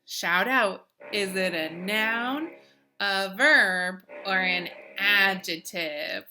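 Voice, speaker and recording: Speaking extremely slowly at a medium pitch, this woman teacher sounds pushed and bright. She addresses viewers through the screen in an interactive children's lesson, encouraging them with simple instructions, questions and repeated phrases.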